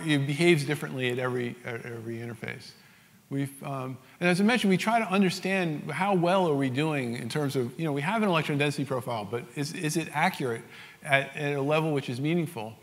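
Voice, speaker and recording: Man, New York accent, science lecture, fairly high voice, lots of ums and restarts, long hall echo. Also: animated, fairly quick. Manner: explanatory, frequent fillers and restarts. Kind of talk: technical lecture.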